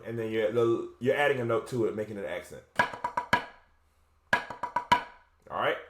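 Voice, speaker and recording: A man casually explaining drum rudiments step by step, correcting himself as he goes while demonstrating on a drum. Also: medium pitch. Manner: casual, self-correcting, thinking aloud. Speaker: drumline instructor. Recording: echoey room with drumming. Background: drum playing.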